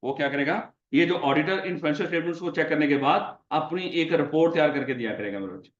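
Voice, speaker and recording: A man's voice: a little high, quick pace. A male accounting lecturer with a Pakistani Urdu accent, teaching a class and answering his own questions while calling his students "my child". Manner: fond, keeps calling students 'my child'. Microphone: camera at a distance. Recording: echoey classroom, distant and dull.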